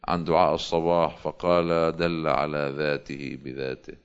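A man with a Levantine Arabic accent teaches as a cleric in a religious lesson, speaking in a very deep, smooth and resonant voice. He explains his points patiently and keeps posing rhetorical questions. The recording sounds dull and lo-fi.

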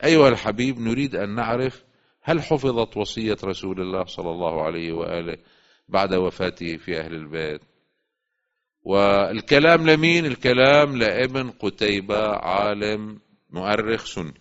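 A man giving a religious lecture, swinging between loud urging and quiet asides. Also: lowish voice, normal speed. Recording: dull lo-fi recording.

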